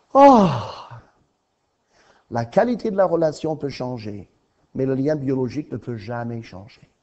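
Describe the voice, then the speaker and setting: A man preaching a sermon, asking rhetorical questions and swinging between loud emphatic lines and soft, low ones. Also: dull audio.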